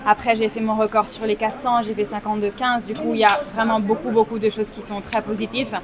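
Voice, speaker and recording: A woman's voice: on the high side, little pitch movement, fast. Hesitant Italian woman athlete, crowd behind. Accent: slight Italian. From Italy. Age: 20s. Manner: hesitant, searching for words. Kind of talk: post-race interview. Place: outdoors at a stadium.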